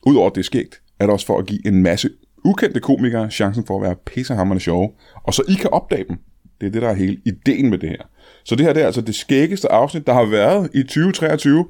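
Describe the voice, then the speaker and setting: A man hosting a comedy podcast, talking excitedly with many fillers. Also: medium pitch. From Denmark. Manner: fast, excited, full of fillers. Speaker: podcast host. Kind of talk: comedy podcast host, casual chat.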